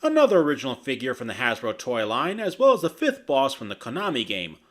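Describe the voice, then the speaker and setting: A man's voice: mid-range voice, huge pitch swings, fast, a bit bright. A man co-hosting a scripted cartoon review, adding commentary and joking asides.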